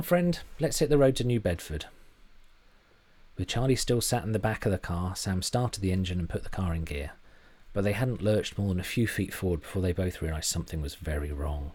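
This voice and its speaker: A man's voice: sits low, brisk, darkish tone, husky. A man narrating a story in a dry, wry manner.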